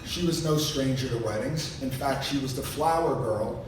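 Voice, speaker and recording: A middle-aged or older man giving an informal wedding toast as father of the bride, telling jokey family stories. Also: moderate pace. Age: 50s or older. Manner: jokey storytelling with acted-out quotes. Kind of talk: wedding toast, informal anecdotal speech to guests. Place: large room at a wedding reception. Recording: echoey noisy hall, distant mic, low rumble.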